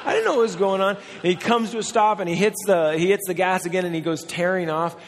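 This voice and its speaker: A man in his forties, a pastor, preaching a sermon and telling personal stories in an animated, self-deprecating way. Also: sits high, quick pace, slight background noise. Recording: hall with long reverb.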